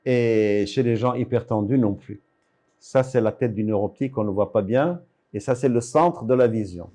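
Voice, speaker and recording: With a lowish, dark-toned voice at normal speed, an older Iranian ophthalmologist describes his equipment and work during an interview. He is didactic, asking questions aloud and then answering them himself. He is 60 or older.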